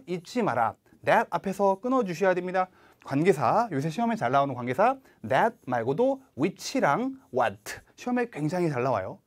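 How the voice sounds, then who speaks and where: A man teaches an English speaking test in an online lecture. His voice is fairly high and swings up and down a lot as he drills viewers. He pushes students to repeat phrases after him.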